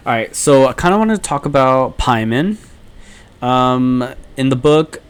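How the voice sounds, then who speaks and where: A man hosting his own talk show, speaking casually and rambling, with quoted threats that drop into low, intense mutters. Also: smooth. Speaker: podcast host.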